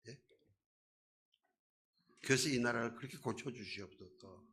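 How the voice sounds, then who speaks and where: A man's voice: mid-range voice, measured pace, fairly bright tone. A man preaching a sermon as a pastor, in a conversational way that asks the congregation questions and acts out quoted voices.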